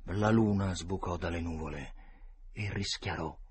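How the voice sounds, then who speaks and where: A man narrating a classic adventure novel aloud in a dramatic, expressive reading. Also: sits low, unhurried, slight background noise. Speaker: reader. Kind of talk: storybook narration.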